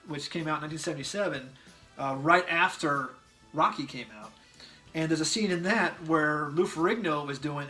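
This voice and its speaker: A man co-hosting a casual movie review chat, rambling and animated, often breaking into loud acted-out yells. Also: fairly high pitch. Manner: rambling with restarts. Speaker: podcast co-host.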